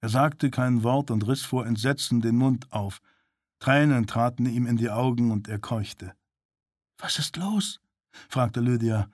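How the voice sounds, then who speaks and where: A man's voice: mid-range voice, fairly even intonation, moderate pace, darkish tone, no echo, studio quality. Man narrating a thriller audiobook. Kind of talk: scripted narration.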